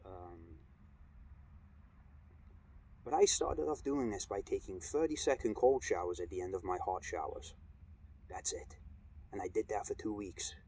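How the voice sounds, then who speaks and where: A middle-aged man talking casually and reflectively in a vlog, with an earnest, measured, halting delivery. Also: husky. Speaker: cold exposure vlogger. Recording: steady background noise, ambient rumble.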